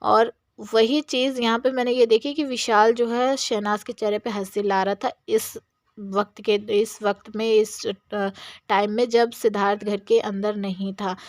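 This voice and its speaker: A woman's voice: fairly high pitch, dry recording, studio quality. A woman giving a casual, opinionated recap of a reality show episode, with many filler phrases. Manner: chatty, repeats "yahan pe" and "jo hai" fillers; opinionated, voices her own reactions.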